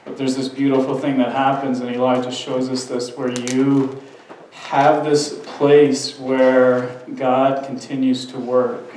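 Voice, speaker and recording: A man's voice: medium pitch, a little mellow, slight background noise. An earnest, conversational male pastor preaching in a church sanctuary. His voice rings through a very reverberant room, picked up from some distance away by the mic. He often trips and restarts mid-sentence as he talks. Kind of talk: sermon.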